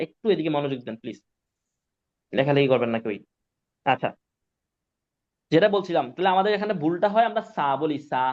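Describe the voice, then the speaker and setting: Patient high-voiced male Quran teacher. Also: a little mellow. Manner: patient, repetitive, asks students if they follow. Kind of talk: live online pronunciation class. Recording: dull lo-fi sound.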